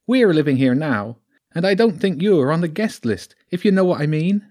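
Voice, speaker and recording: A man voices the sneering male leader of a band of weasels, taunting and menacing in a high voice touched by a slight rural southern English twang. His delivery is animated at a normal speed, with a darkish tone.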